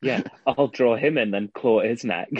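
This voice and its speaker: A man co-hosting a podcast, wry and quick to laugh in casual chat. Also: mid-range voice, a little hiss or hum. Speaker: podcast co-host. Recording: dull lo-fi dry recording.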